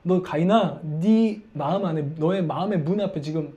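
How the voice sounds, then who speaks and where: A patient father figure asks gentle questions before warning, voiced by a male preacher in a sermon. The pitch is high yet the tone is soft and warm. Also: moderate pace, muffled recording, natural voice.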